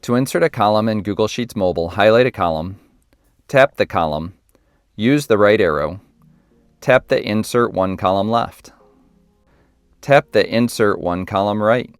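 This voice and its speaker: A man's voice: lowish voice, normal speed, long pauses, clear, resonant tone, dry recording. A man giving scripted tutorial narration, reading instructions as short, clipped steps. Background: music.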